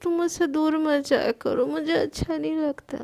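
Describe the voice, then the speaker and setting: An anxious, clingy young woman, possessive and pleading, as a woman storyteller puts her on. The voice sits high with a gravelly edge and a mellow, dark color. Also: steady tone, moderate pace.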